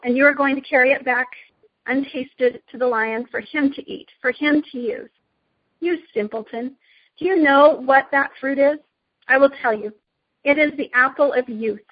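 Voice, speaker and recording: A woman's voice: high voice, husky, no echo, dull audio. A woman voicing a proud, tempting evil witch queen from a storybook, with an imperious, persuasive manner.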